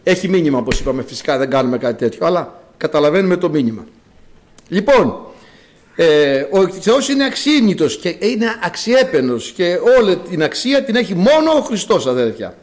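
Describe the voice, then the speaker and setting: Lively preaching man, animated pitch. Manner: lively preaching with dramatic rises and drawn-out words. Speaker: priest. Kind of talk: sermon.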